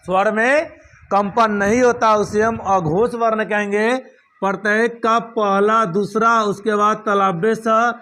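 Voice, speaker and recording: Man, high voice, grammar teacher, repetitive questioning style, classroom lesson. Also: fairly even intonation, unhurried, pushed and bright. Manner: repeats points and asks rhetorical check questions.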